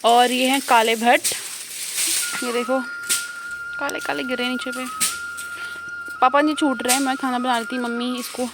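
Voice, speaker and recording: A woman's voice: high voice, level tone, moderate pace, pauses often, noisy background. A young woman with a cold, chatting casually to her viewers in a home vlog and telling stories, slipping English words into her talk. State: has a cold. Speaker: vlogger. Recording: loud background music.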